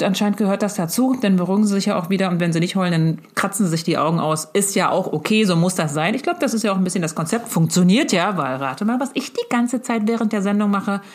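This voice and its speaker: A middle-aged woman, a mother, talking into a handheld phone to her grown daughter in a casual, effusive and rambling video message. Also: lowish voice.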